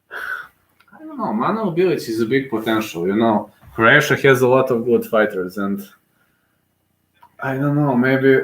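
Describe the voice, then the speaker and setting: A man's voice: medium pitch, a bit bright. Rambling man in a roomy space. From Serbia. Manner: rambling, hesitant, repeats himself. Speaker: fight commentator streaming live. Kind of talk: casual live commentary answering chat.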